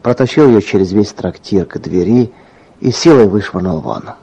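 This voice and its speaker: A man narrating a scripted story in an earnest, dramatic way, sometimes dropping to a hush. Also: fairly low pitch, lively intonation, moderate pace, slightly rough. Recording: dull lo-fi recording.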